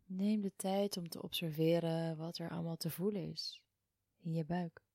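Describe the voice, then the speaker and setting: A woman guiding a relaxation meditation in a soft, hushed, near-whispered voice, soothing and unhurried, with long pauses. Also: on the low side, steady tone, no room sound, clean studio sound. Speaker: yoga and meditation guide.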